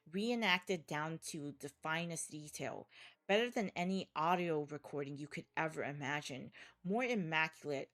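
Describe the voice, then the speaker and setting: A woman streamer reading a text game aloud with dramatic weight. Her voice sits lowish, and she stumbles over words now and then between blunt asides. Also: fairly bright tone.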